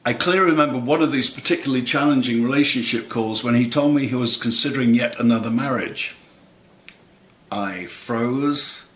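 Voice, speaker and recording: A man in his seventies giving a scripted eulogy in a measured, wry, tongue-in-cheek way with deliberate pauses. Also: medium pitch, a bit bright, slight background noise. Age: 70s. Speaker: eulogist, lifelong friend of the deceased. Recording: roomy, echoing sound.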